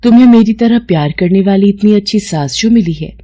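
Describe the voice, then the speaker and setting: A woman voicing a stern middle-aged mother-in-law in a cartoon story, speaking in a lowered, scolding voice. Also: brisk, dark tone, close to an everyday voice. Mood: remorseful.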